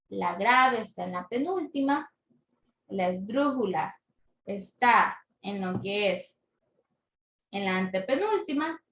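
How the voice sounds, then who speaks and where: Slow, patient woman teacher, echoey room. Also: fairly high pitch. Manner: patient, repeats words and syllables aloud. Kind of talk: slow classroom lesson.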